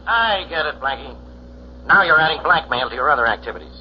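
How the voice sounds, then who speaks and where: A man's voice: fairly high pitch, expressive, a little fast, a little hiss or hum, lightly acted. A man playing a suspicious, blustering police inspector, sarcastic and accusing, in 1940s radio style. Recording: muffled, humming old radio recording.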